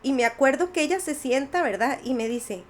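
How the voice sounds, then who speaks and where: A woman's voice: high voice, animated, fairly quick, slight background noise. A woman, a podcast guest and doctor, telling a personal story with feeling and acting out the voices of others. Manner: vivid retelling, acts out quoted voices.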